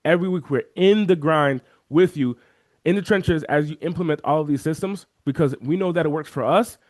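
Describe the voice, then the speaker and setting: A man talking as an interview guest, walking through software on a shared screen and acting out the voices of chat viewers. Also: fairly high pitch, brisk, no echo, studio quality. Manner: animated, acts out quoted chat voices. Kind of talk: energetic screen-share walkthrough.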